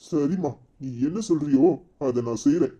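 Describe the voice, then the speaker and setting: A man's voice: on the high side, moderate pace, warm tone, breathy edge. A man voicing a remorseful elderly father in a cartoon serial, with a Tirunelveli Tamil accent, humbly pleading for forgiveness. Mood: meek. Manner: humble, pleading, meek agreement.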